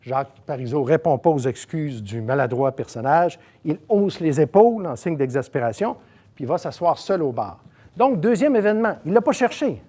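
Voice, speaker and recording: A man's voice: fairly high pitch, animated, moderate pace, mellow. A middle-aged man from Saguenay with a Québécois accent, giving a conversational seminar lecture with many asides and fillers. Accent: Québécois French. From Saguenay, Quebec. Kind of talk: storytelling lecture.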